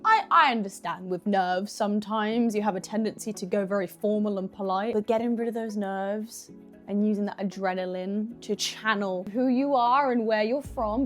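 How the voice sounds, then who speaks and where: A young woman with a northern English regional accent, chatting casually as she gives audition advice to camera and acting out little voices along the way. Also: mid-range voice. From Midlands or North of England. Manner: chatty, animated, acts out little voices in quotes. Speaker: actor giving audition advice.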